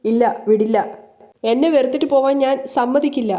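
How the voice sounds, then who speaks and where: A woman voicing a devoted, pleading young sister from a TV serial in her own quick reading voice. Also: sits high, fairly even intonation, mellow, lightly acted.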